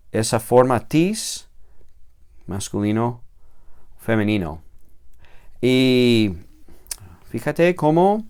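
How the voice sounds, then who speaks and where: A man's voice: mid-range voice, darkish tone, smooth. A man teaching a recorded grammar lesson, patient and explanatory, repeating key words and checking with "¿vale?".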